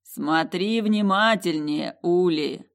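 A woman voicing an ancient magic ruby heart that speaks slowly in a teasing, drawn-out way. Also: fairly low pitch.

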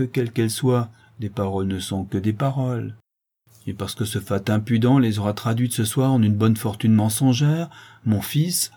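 A man's voice: fairly low pitch, mellow, slightly rough. A man reading an audiobook, voicing a proud, desperate noblewoman who pleads with her son in an impassioned, declamatory way.

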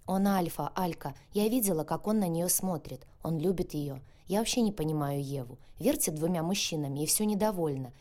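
A woman reading an audiobook, voicing a lively, chatty young woman friend who talks in a bubbly, coaxing way. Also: sits low, fairly quick, few pauses, natural voice. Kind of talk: audiobook character voice.

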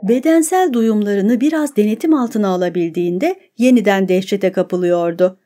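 A woman narrating an audiobook in a measured, steady reading. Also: medium pitch. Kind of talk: scripted narration.

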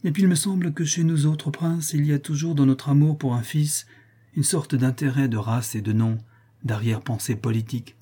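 Man voicing melancholy noble prince, solemn, sorrowful, dark husky tone. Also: on the high side, fairly even intonation, moderate pace. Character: grieving middle-aged prince, noble and melancholy. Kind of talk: audiobook reading.

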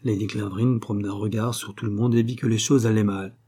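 Male audiobook narrator, mellow husky tone, steady classic-novel reading. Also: on the low side, fast talker.

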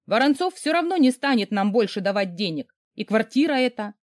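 A woman reading an audiobook, voicing the narrator's hysterical young sister with a shrill, yelling delivery. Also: sing-song, fairly quick, dry recording, studio quality. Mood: exasperated.

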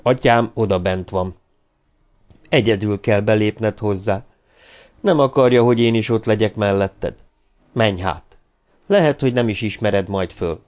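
A man's voice: lowish voice, pauses often, darkish tone, close to an everyday voice. A man reading the part of a stern, guarded middle-aged man in formal, cool tones. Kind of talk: audiobook dialogue reading.

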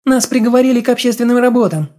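Brief: man voicing a blunt woman fighter, high and dark-toned, storybook read. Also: animated, racing. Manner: blurts in bluntly. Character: brash outspoken adult woman fighter. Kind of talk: audiobook character voice.

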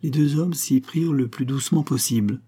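A man reading a crime novel aloud in a measured, even narration. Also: mid-range voice, breathy edge. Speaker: audiobook narrator.

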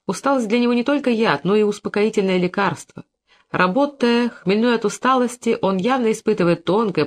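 An audiobook narrator reading literary prose in a measured, expressive way. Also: mid-range voice.

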